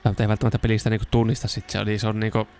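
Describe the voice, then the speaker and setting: Young man, low voice, gaming commentary, casual, chatty, excitable bursts. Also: clean tone. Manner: chatty, talks to himself while playing, bursts into excited shouts. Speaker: gaming YouTuber. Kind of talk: casual let's-play commentary.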